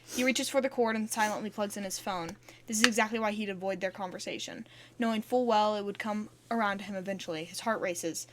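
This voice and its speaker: A woman's voice: medium pitch, fairly quick, background noise. A woman co-hosting a podcast, reading fan fiction aloud in a casual way, breaking in with asides. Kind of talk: casual read-aloud narration.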